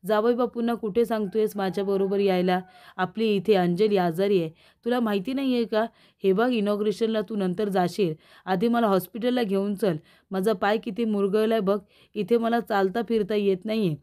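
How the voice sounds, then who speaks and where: A woman's voice: mid-range voice, steady tone, normal speed, warm tone, natural voice. A woman reading out a bossy scolding mother-in-law. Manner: demanding, scolding. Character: bossy complaining middle-aged mother-in-law.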